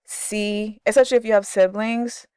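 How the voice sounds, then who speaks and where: A woman born in Ghana, speaking as a guest in a casual interview and telling animated stories about her upbringing. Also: mid-range voice, normal speed. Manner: animated storytelling, acting out quoted family voices.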